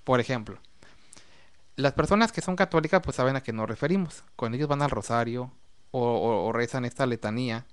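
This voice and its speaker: A man's voice: medium pitch, brisk, clean tone. A man co-hosting a religious talk program, explaining at length with long lists and rhetorical questions. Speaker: co-host of a religious discussion program. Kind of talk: casual religious discussion.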